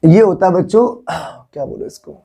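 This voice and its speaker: Mellow-voiced teacher drilling vocabulary. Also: male voice, fairly high pitch, animated, normal speed, vocal fry, breathy edge. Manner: coaxing, repeats words for students to copy. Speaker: English teacher. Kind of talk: classroom vocabulary lesson.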